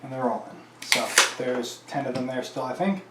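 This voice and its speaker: A man's voice: mid-range voice, steady tone, moderate pace, echoey room, heavy background noise. A man playing a tabletop wargame, counting dice aloud and talking casually to viewers as he plays. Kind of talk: casual play-by-play of a tabletop battle.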